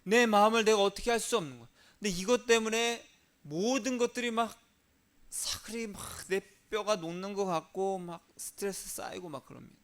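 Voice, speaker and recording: A man's voice: sits high, a little fast, a bit bright. A male pastor giving a sermon in a conversational way, asking rhetorical questions and acting out inner thoughts.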